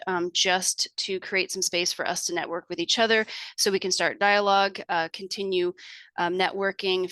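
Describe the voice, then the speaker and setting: A woman's voice: mid-range voice, bright, forceful tone, no echo. A middle-aged woman hosting an online meeting as a public health lead, friendly and chatty with many fillers and restarts. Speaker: state infection prevention lead hosting office hours.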